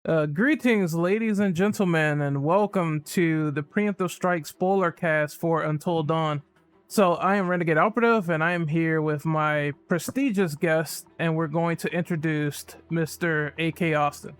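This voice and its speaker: Higher-pitched man hosting a casual podcast. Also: normal speed, clear, resonant tone. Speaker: podcast host.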